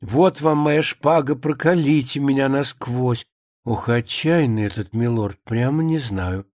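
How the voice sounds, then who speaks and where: A man's voice: mid-range voice, unhurried, a little mellow, no echo, studio quality, lightly acted. A man reading a play aloud, voicing a naive young maid who swoons over a romance novel. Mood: dreamy.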